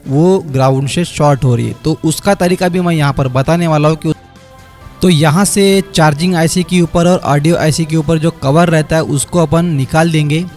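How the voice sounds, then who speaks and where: A phone repair technician with a slightly high voice narrates a repair tutorial as he works, explaining each step and talking to viewers as friends. Quiet, light music sits behind the voice-over.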